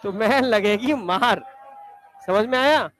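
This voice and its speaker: A male teacher quizzing students in a classroom, briskly ordering them to stand up and recite examples. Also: sits high, fairly bright tone, some chatter behind.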